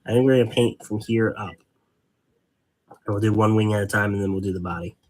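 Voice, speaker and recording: A man's voice: fairly low pitch, fairly even intonation, fairly quick, darkish tone, a little hiss or hum. A man hosting a casual hobby painting stream, rambling and patiently explaining things, cracking corny dad jokes. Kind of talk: casual live-stream chat while painting.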